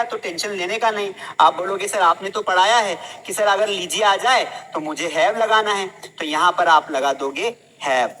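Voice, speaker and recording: A man's voice: sits high, pushed and bright, in a large hall, slight background noise, low-quality recording. A man with an Indian accent teaching a live spoken English class in a chatty way. He keeps asking the class questions and then answers them himself.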